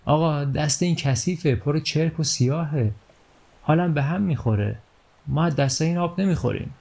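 A man's voice: on the high side, gravelly, darkish tone, pitched above the performer's own voice. A man reading a storybook aloud, voicing squabbling young village schoolboys who whine and complain. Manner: whiny, complaining.

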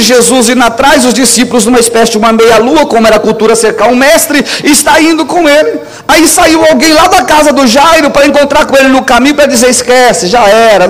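A Brazilian man preaching a sermon, telling the story with acted-out dialogue and building up to shouted lines. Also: very high voice. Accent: Brazilian Portuguese.

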